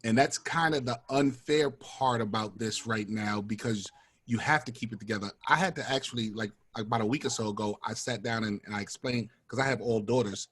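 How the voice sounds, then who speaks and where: A middle-aged man talking earnestly in a casual group chat over a video call, with halting restarts. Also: lowish voice, fairly bright tone, husky.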